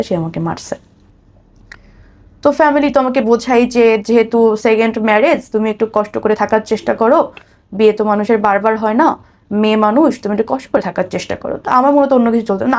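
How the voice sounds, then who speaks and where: A woman with a Bangladeshi accent, speaking as an interview guest, recounts her own life story conversationally and acts out what people said to her. Her voice is fairly high-pitched, fast, and darkish in tone.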